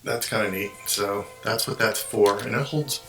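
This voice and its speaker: A man's voice: lowish voice, moderate pace, gravelly. A man, a ventriloquist, casually showing and explaining a puppet, rambling as he handles it. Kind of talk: casual show-and-tell vlog. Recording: roomy echo, faint music behind.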